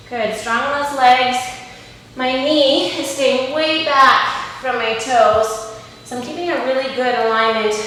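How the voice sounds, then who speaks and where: A woman's voice: high voice, a bit bright. A woman fitness instructor, slightly out of breath, coaching and encouraging while she does push-ups and other exercises. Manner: talking while doing push-ups and lunges, with effort. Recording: very echoey room, faint background noise.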